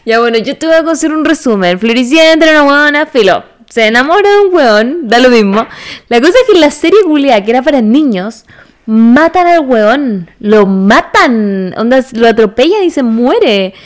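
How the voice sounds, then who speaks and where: A young woman with a Chilean Spanish accent, hosting a casual podcast chat, animated and full of slang. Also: high-pitched, normal speed. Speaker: podcast host.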